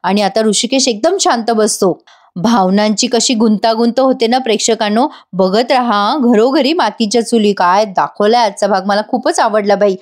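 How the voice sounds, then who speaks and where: A woman narrates a voice-over recap of a TV serial in a chatty way. She keeps speaking directly to her viewers. Her voice sits a bit high. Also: normal speed. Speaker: serial review host.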